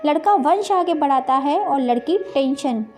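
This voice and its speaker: A woman plays a stubborn, hot-tempered husband in a moral storybook tale. The voice stays high and mellow. He argues bluntly and raises his voice. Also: expressive, unhurried, soft background music. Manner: stubborn, shouting. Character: stubborn angry husband, middle-aged man.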